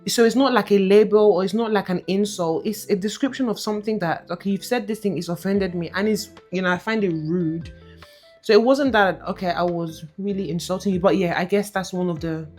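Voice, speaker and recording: A woman's voice: medium pitch, a little fast. A young woman raised in London explains her view plainly to her husband in a casual chat. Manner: direct, explanatory. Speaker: co-host, wife. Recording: soft guitar music behind.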